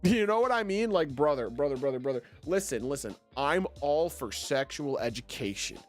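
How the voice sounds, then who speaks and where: Lively, exclaiming male streamer. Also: fairly high pitch, normal speed, faint music behind. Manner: animated, exclaiming, swearing freely. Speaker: vtuber host. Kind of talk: casual reading of online stories with reactions.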